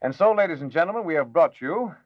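A man reading a formal radio news bulletin in a measured announcer manner, heard as an old newsreel-style broadcast. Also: on the high side, lively intonation, no room sound. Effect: old newsreel-style broadcast sound. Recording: dull lo-fi old radio recording, dry.

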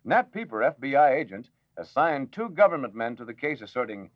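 Man, radio newsreader, measured formal announcing, old newsreel-style broadcast, dull lo-fi sound. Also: medium pitch, big pitch swings, no room sound. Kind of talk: formal 1940s radio news bulletin.

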